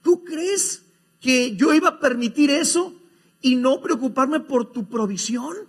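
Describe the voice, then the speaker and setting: A man's voice: on the high side, a little fast, darkish tone, slightly rough. A man voicing a loving adoptive father who firmly reassures his worried son in a sermon story. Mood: pleading, emphatic. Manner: emphatic, pleading, rising questions.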